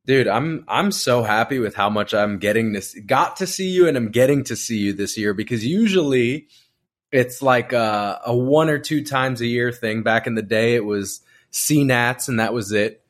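Moderately paced and mid-range, this male podcast host talks in casual chat. His speech carries a slight lisp from new aligners, and he tends to ramble, frequently starting sentences over.

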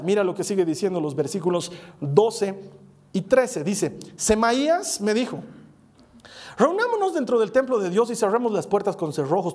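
A man's voice: high voice, a little mellow. A man preaching a sermon in a conversational way, checking in with his listeners and adding touches of humor.

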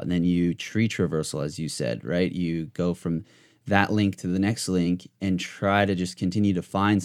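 Low-voiced rambling male podcast host. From United States. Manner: rambling, loose, many fillers and restarts. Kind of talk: casual podcast chat.

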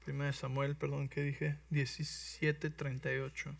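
A man preaching a sermon in lively storytelling style, acting out voices and checking in with his listeners. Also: mid-range voice, moderate pace, gravelly. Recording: voice from some distance, dry.

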